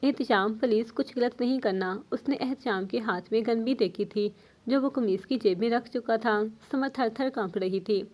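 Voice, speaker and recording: A woman reading a novel aloud as narrator in an even, steady storytelling manner. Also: a little high.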